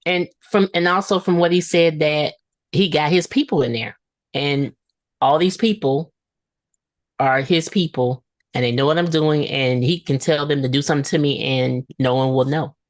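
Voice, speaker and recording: A woman co-hosting a relaxed podcast chat. Her voice is notably low for a woman and sounds dry and close. She mostly chimes in with short remarks and agreement. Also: moderate pace, dry recording. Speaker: podcast co-host. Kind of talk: casual chat.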